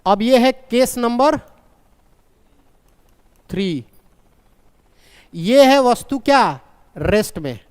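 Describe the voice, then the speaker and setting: A man's voice: very high voice, very animated, drawn-out words, pauses often, darkish tone, smooth. A man teaching a live physics class, terms into his talk and repeatedly quizzing his students. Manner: questioning, repeats key points. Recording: long reverb from a large room.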